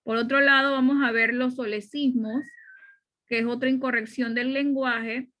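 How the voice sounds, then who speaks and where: A woman's voice: high-pitched, fairly even intonation, normal speed, sharp tone. A middle-aged woman teaching a spoken grammar lesson over slides, explaining step by step and often checking in with her listeners. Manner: explanatory, frequent "¿ya?" check-ins and fillers.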